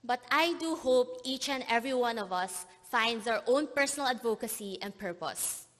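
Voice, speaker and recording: A young woman born in Korea and raised in the Philippines giving an earnest, emotional commencement speech at a podium, sometimes pausing to collect herself. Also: on the high side, lively intonation, a bit bright. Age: young adult. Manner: earnest, emotional, pausing and apologizing as she chokes up. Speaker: graduation speaker. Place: large convention plenary hall. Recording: long hall reverb.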